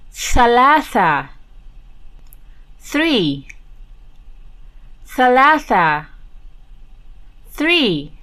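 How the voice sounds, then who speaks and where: A woman hosting an interactive lesson for young children in an exaggerated singsong children's-show delivery, drawing words out and leaving pauses for answers. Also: medium pitch, fairly bright tone. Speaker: children's teacher and host.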